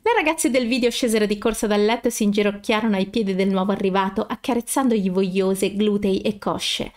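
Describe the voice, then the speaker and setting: A woman reading fan fiction aloud as an audiobook narrator, steady storytelling with occasional self-corrections. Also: medium pitch, a little fast.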